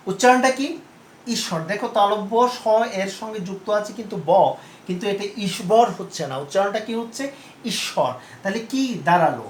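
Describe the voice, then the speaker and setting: Man teaching slowly in an echoey room. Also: high voice. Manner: slow, repeats each word and asks the students. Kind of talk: Bengali pronunciation lesson. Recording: echoey room with faint background noise.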